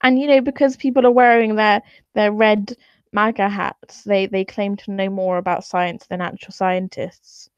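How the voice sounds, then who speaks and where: A woman's voice: medium pitch, flat delivery, normal speed, clean tone, dry recording, lo-fi sound. A woman talking to camera in an opinionated vlog, exasperated and sarcastic, swearing freely as she reads out and explains graphs. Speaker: vlogger.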